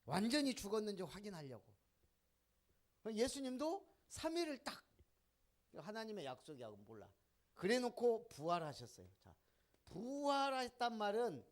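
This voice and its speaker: A male pastor preaches to his congregation, tossing out questions and answering them himself. His voice sits high and swings widely in pitch as he drives each point home. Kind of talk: sermon.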